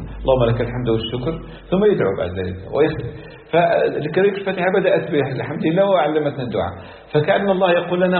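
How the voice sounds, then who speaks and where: A man's voice: mid-range voice, slight background noise. A man teaching a religious lesson on Quran exegesis, explaining points and repeating key phrases. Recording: echoey hall on a tinny lo-fi line.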